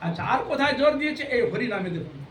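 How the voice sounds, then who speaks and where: A man's voice: very high-pitched, lively intonation, racing, fairly bright tone. A man giving a devotional sermon, asking rhetorical questions, repeating phrases for emphasis and breaking into sung verses. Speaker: preacher. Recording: echoey hall, mic at a distance, faint noise.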